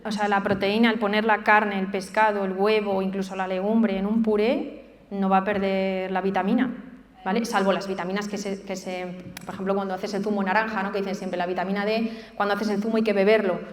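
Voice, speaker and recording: A woman's voice: mid-range voice, little pitch movement, fairly quick. Woman explaining in an echoey hall. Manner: explanatory, often checking with "vale". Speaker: nutrition specialist answering questions. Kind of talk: informal question-and-answer talk. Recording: echoey hall with long reverb.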